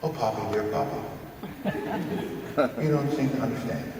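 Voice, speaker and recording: A man voicing a patient, tech-savvy teenage grandson who gently teases his grandfather. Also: medium pitch, normal speed, heavy reverb, in a large hall, far from the mic, background noise, lightly acted. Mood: teasing.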